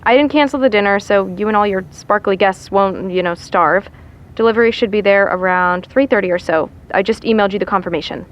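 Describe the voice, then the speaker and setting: An actress plays a dry, teasing young woman phoning a friend, her wry deadpan delivered at medium pitch and a slightly fast pace. The audio has a muffled phone-line sound, like a real call.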